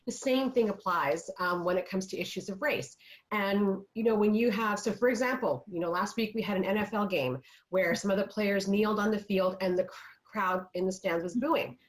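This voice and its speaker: A woman's voice: mid-range voice, normal speed, rough recording. A woman on a video call, telling a parenting story earnestly and quoting her own words at length. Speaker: panelist parent. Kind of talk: virtual panel discussion.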